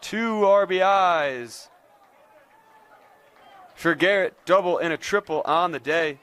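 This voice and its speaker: A man's voice: high-pitched, slow, a bit bright, clear, resonant tone. A man giving live play-by-play baseball commentary as a sports announcer.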